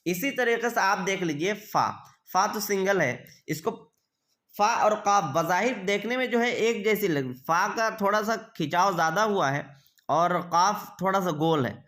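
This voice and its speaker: A man's voice: high voice, lively intonation, a bit bright. A man teaching a beginner's reading lesson, patiently repeating each point and asking questions that he answers himself. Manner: repetitive, asks questions then answers them.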